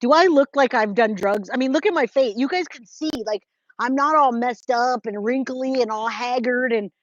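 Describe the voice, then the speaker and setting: She's a California woman in her forties hosting a true crime livestream, and her voice is a little high at a moderate pace. Casually answering comments, she stays informal and emphatic, repeats herself for effect, and calls viewers guys, babe, or my love. The audio is dull, with no room sound.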